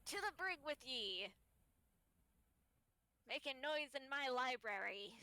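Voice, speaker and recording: A woman voicing a blustery hook-handed pirate librarian in a tabletop game, with gruff, bellowing sea-dog talk. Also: high-pitched, animated, slow pace, pushed and bright, no room sound, pitched above the performer's own voice, heavily acted. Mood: indignant.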